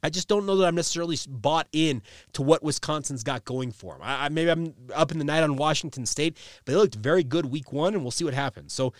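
A man's voice: on the high side, fast talker, few pauses, no room sound, clean studio sound. A man hosting a sports podcast, talking through his weekend picks in a casual, filler-heavy way, with a nasal voice. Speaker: podcast host. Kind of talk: sports betting picks talk.

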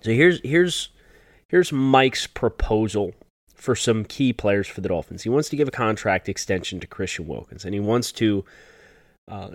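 Lowish-voiced male sports podcast host. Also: expressive, normal speed, dry recording, studio quality. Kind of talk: sports analysis, answering listener questions.

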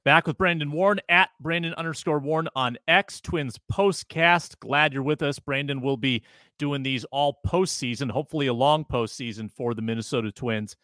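A man's voice: medium pitch, moderate pace, sharp tone, no room sound. Man hosting, with a close, dry sound. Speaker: sports podcast host. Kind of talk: casual sports talk and conversational host-read ads.

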